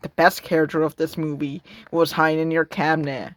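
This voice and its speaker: A man's voice: on the high side, level tone, a little fast, a bit bright, a little hiss or hum. A young man giving casual, sarcastic commentary on a horror movie, rambling and mocking as he watches. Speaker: reaction video host.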